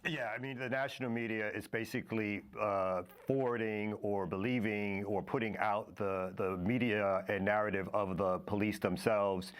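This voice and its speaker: A man speaking as an organizer in a broadcast interview, deliberate and pausing between phrases. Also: lowish voice, steady tone, clean tone. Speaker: interview guest, community organizer.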